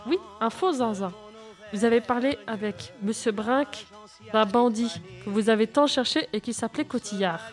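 A woman's voice: fairly high pitch, moderate pace, soft background music, natural voice. A woman voicing a clever, bold young girl who gives orders with confidence. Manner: bright, commanding, triumphant.

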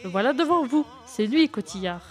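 A woman's voice: a little high, animated, brisk, soft background music, natural voice. A woman voicing a clever, bold young girl who gives orders with confidence. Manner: bright, commanding, triumphant.

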